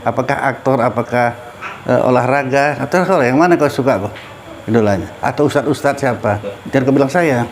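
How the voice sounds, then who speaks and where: A man's voice: medium pitch, brisk. Middle-aged man, religious teacher, casual study circle, asks listeners questions, faint background noise.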